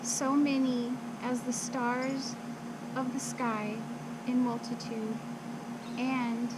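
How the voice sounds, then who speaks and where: Slow woman reciting scripture by rote, noisy recording. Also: fairly high pitch. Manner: reciting by rote, in short measured phrases with pauses. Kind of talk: Bible recitation from memory. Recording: loud steady background noise.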